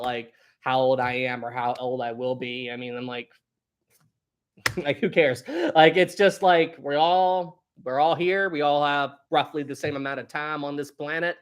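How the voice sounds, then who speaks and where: On a laid-back live stream, a man in his thirties talks casually, laughing often and playfully reading viewers' comments aloud. His voice leans high and a bit bright.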